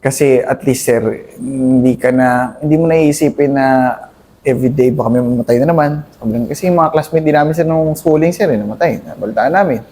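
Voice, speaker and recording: Deferential army captain recounting combat. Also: male voice, mid-range voice, darkish tone. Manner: deferential, says "sir" nearly every phrase; earnest, halting storytelling with many restarts. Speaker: army captain, interview guest. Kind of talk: conversational war recollection.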